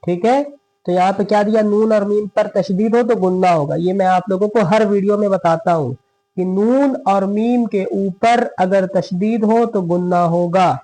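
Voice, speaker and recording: A man's voice: high voice, warm tone, poor audio. A male Quran teacher giving a tajweed lesson. He stresses the doubled letters, repeats words and corrects himself as he reads verses. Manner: explains quickly in Hindi, recites verses slowly and drawn out. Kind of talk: tajweed lesson with slow recitation.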